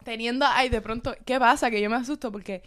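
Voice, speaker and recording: A young woman telling a story in casual chat, animated and switching into English. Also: a little high, fast. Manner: animated, mixes English into Spanish.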